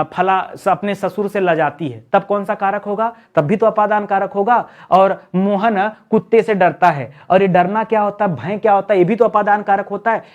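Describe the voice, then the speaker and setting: Chatty, teasing male Hindi teacher. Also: sits high. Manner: chatty and teasing, asks questions and answers them himself. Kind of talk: online exam-prep lesson.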